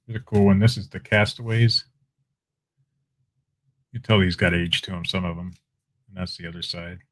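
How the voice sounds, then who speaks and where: A man with a low voice speaking at a normal pace runs a casual live-stream auction. He chats with viewers as he shows items and calls out bids, relaxed and talkative, addressing people in the chat directly.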